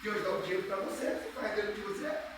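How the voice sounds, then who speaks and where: Man, pastor, high voice, sermon, rhetorical questions, repeats himself, echoey church from far off. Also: rapid-fire, noisy background. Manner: repetitive, addresses congregation with rhetorical questions. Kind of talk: sermon with retold dialogue. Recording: echoey church recorded from a distance.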